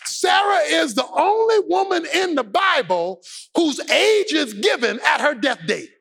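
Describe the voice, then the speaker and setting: Impassioned shouting preacher, high gravelly voice. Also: male voice, big pitch swings, unhurried. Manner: impassioned, sing-song preaching cadence. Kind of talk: shouted sermon.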